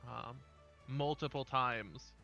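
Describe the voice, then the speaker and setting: A man narrating as dungeon master, in a relaxed way with frequent fillers. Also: medium pitch, slow pace, vocal fry, highs cut off, soft background music. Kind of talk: narrating a tabletop game.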